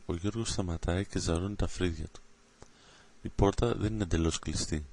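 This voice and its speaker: A man narrating a children's adventure story aloud, in a steady, dramatic reading. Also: deep voice.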